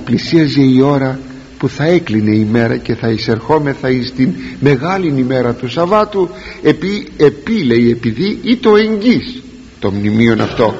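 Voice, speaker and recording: Animated preacher in an echoing church. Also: male voice, husky. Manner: animated, rising to emphatic peaks and dropping low. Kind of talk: sermon. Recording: dull lo-fi recording with long hall reverb.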